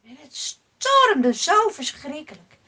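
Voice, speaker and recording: A woman with a high voice tells a children's Bible story aloud. She speaks slowly and dramatically, dropping to a hush and then rising again. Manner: expressive, dramatic, swings between hushed and loud.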